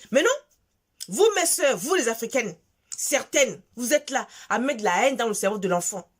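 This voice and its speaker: A woman from Gabon with a Gabonese French accent, delivering an emphatic, scolding monologue to her viewers and repeating phrases for force. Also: high-pitched. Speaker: vlogger. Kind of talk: impassioned monologue addressed to viewers.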